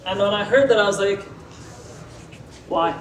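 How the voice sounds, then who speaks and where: A man's voice: sits high, fairly even intonation, quick pace. A man giving a casual religious talk, telling stories and acting out their dialogue. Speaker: Sikh preacher. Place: university lecture room. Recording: roomy, distant, faint noise.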